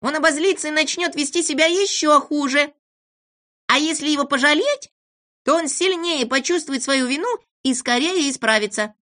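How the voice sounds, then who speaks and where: Reader doing a sensible little girl, high voice, firm and reasoning, storybook. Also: moderate pace, sharp tone.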